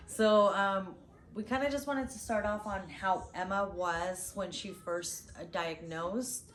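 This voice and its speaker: On a casual parenting chat, this co-host and parent speaks slowly in a medium-pitched voice with fairly even intonation. She's chatty, often using fillers and restarting sentences. Faint background noise can be heard in the roomy recording.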